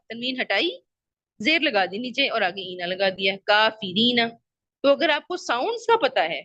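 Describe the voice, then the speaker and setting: A woman's voice: on the high side, bright, forceful tone, dry recording, muffled recording. A woman teaching an Arabic grammar lesson. She patiently repeats her questions and checks that her students understand.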